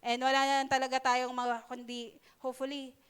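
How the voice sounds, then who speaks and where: A young woman preaching a sermon in a conversational, halting way, with many fillers and playful asides. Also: high-pitched, level tone, smooth. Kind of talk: sermon in Taglish.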